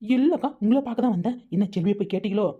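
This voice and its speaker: A woman's voice: medium pitch, rapid-fire, husky, narrow, tinny audio, lightly acted. A woman voicing a blunt middle-aged village woman in a cartoon, speaking matter-of-factly. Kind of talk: cartoon voice acting.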